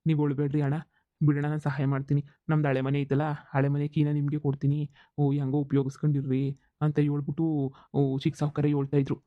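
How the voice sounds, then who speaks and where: A tattling village farm servant from a cartoon comedy, voiced by a man. He talks very fast in a flat, high-set voice. The sound is thin and tinny, like a phone line. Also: no room sound, natural voice. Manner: deferential, tattling, rapid.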